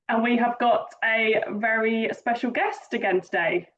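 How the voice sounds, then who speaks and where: A woman hosting a podcast, relaxed and easy-going, laughing often and phrasing her questions loosely. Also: fairly high pitch, slight background noise. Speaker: podcast host. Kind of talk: casual podcast chat. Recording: dull lo-fi sound.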